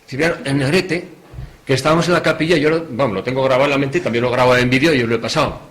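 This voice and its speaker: A man giving a talk in a hotel meeting room, telling stories with lively swings between loud stress and quiet asides. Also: medium pitch, racing. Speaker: speaker at a religious talk. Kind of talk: storytelling talk.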